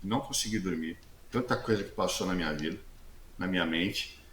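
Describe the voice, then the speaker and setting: A man, a guest telling his testimony in a casual interview, talking loudly and acting out the dialogue he quotes with plenty of slang. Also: deep voice, brisk. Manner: lively storyteller who acts out quoted dialogue, slangy; speaks loudly. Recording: echoey room with faint background hiss.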